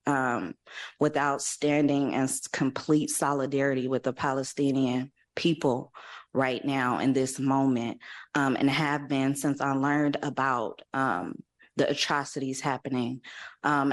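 A woman board member speaks earnestly at a public meeting, pausing often on ums. Her voice sits very low and stays flat.

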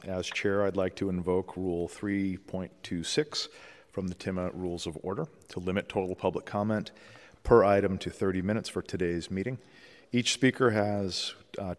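A man chairing a formal public board meeting, speaking in a measured, procedural way with frequent "uh" and "um". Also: deep voice, darkish tone. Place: large legislative chamber. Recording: long reverb of a large chamber.

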